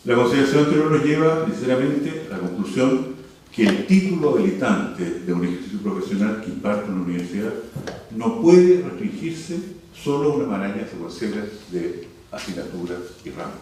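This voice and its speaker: An older Chilean man from Santiago, in his 60s or older, is a university leader giving a formal prepared speech with asides at a cultural forum. His fairly low, darkish voice is expressive at a moderate pace. He's picked up from afar by a distant mic in a very echoey indoor cultural venue, with faint noise.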